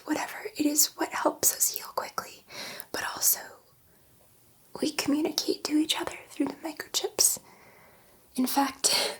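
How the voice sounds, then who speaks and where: Whispering breathily and softly in a high register, very unhurried, a woman portrays a gentle, excitable female alien scientist in sci-fi ASMR. She speaks haltingly and coaxingly to reassure a human test subject.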